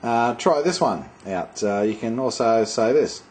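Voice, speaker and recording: A man's voice: medium pitch, animated, measured pace, background noise. A man narrating a casual demo of a phone, chatting to viewers and repeating commands to it. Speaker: video maker demonstrating a phone.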